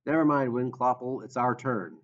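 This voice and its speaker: A man's voice: on the low side, fairly quick, far from the mic, natural voice. A man reading a snarling irritable man. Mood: annoyed. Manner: snarling, impatient. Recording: dull lo-fi audio.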